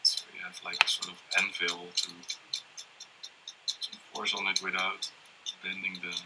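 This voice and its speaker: A man explaining step by step how to prepare and solder a coil, talking hesitantly with many pauses and fillers. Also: low voice, completely flat delivery. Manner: hesitant, many ums and restarts, laughs often. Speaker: workshop presenter. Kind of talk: hands-on electronics demonstration. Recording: faint background noise and tool clicks.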